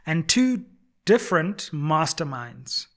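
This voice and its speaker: A man's voice: a little high, very animated, fairly bright tone. South African man, dramatic news explainer. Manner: dramatic, emphatic, deliberate phrasing with stressed key words. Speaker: host of a news and politics show. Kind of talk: news explainer commentary to viewers.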